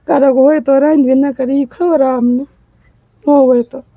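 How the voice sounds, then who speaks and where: A woman, crying as she tells of her hardship in a halting, pleading way. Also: high-pitched, fairly even intonation, dark tone, no echo. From Gujarat. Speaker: interviewee, widowed mother. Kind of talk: emotional testimony.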